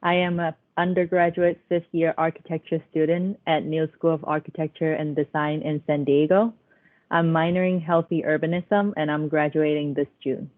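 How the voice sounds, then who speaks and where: A young adult architecture student from Hong Kong answers questions in a panel discussion over a thin, phone-like video call line. His medium-pitched voice is level, at normal speed, earnest and thoughtful, with a few hesitant fillers. The audio is dry and close, with no room sound.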